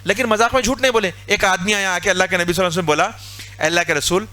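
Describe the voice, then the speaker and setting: A man preaching, his voice sitting high. He talks in a lively, chatty way and acts out little everyday scenes. The tone is bright and ringing. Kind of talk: Urdu sermon. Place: mosque.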